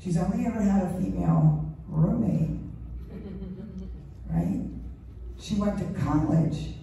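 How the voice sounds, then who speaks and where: A woman's voice: on the low side, slow pace, vocal fry, warm tone, recorded from a distance, muffled recording. A middle-aged woman doing a stand-up comedy set, telling stories in a chatty way and acting out sounds and voices. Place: comedy stage before a live audience. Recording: echoey stage, mic heard from afar with faint noise.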